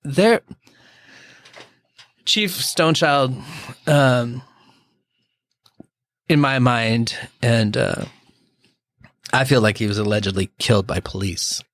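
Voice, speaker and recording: A man's voice: medium pitch, slow, long pauses, fairly bright tone. A male podcast host with a mid-range voice, chatty and opinionated, who builds long questions out of his own views. The sound is dry and close-miked, with no room echo. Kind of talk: conversational interview.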